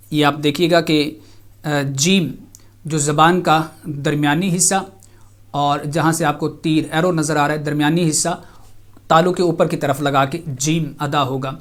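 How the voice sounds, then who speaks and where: Slow, careful male recitation teacher. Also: a little high. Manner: slow, careful, repeats each letter sound. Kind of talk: televised lesson on Arabic letter pronunciation.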